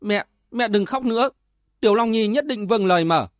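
A man's voice: high voice, moderate pace, dry recording, clean studio sound, voice pushed up, natural voice. A man voicing a wide-eyed little boy. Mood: innocent. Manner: naive, questioning. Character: innocent small boy, wide-eyed and obedient.

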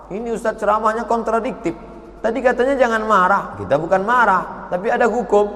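A man's voice: sits high, a bit bright. Preaching man in an echoing hall. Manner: rhetorical questions, acts out dialogue, chants Arabic verses. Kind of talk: sermon with audience questions. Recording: roomy hall reverb.

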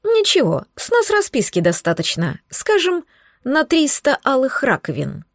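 A woman's voice: high-pitched, wildly swooping pitch, normal speed, no echo, studio quality, pitched above the performer's own voice, full character voice. A woman voicing a tiny tentacled sea creature that haggles in a whiny, indignant way. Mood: haggling. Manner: whiny, bargaining.

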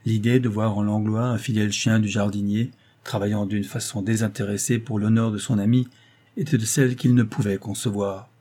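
A man reads a novel aloud as an audiobook, keeping his storytelling measured and even. His pitch is fairly low.

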